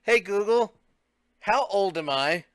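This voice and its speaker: A man's voice: high voice, animated, slow pace, fairly bright tone, no echo, clean studio sound. A man in his thirties hosting a casual podcast, teasing his guest and laughing easily. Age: 30s. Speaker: host.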